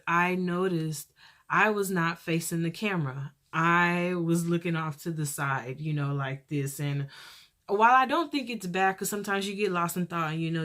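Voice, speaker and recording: Speaking softly and somewhat low, a young podcast host talks about things in an easygoing but sincere manner, drifting from point to point with frequent pauses.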